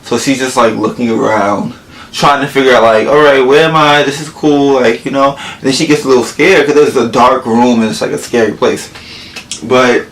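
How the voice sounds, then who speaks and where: A man's voice: medium pitch, fairly even intonation, normal speed, low-quality recording. A man chatting casually to camera, recapping a film between bites of food, rambling with lots of "like" fillers and self-corrections. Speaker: vlogger. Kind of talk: casual movie recap while eating. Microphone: camera mic, eating on camera.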